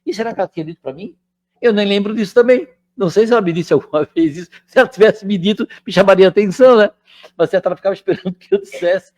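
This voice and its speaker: High-voiced older man giving a chatty talk. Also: rapid-fire, a little mellow. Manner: chatty, keeps checking in with the audience. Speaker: spiritist lecturer. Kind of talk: conversational spiritual lecture.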